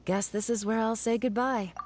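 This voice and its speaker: A woman voicing a cool, self-assured enforcer in a video game, measured and commanding with a wry, stern edge. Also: a little high, fairly even intonation, darkish tone, a little hiss or hum, natural voice.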